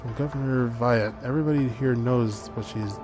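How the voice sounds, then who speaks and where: A man's voice: medium pitch, fairly quick, natural voice. A man voicing a young rebel, practically a boy, with a boyish, desperate, defiant manner in a game read-aloud. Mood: desperate pleading. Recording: music behind the voice.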